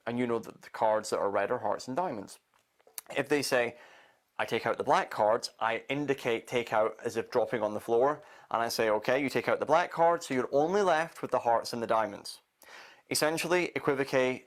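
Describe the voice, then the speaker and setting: A man teaching a card-force technique to other magicians, explaining each step with confident emphasis. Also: mid-range voice. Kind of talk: instructional explanation.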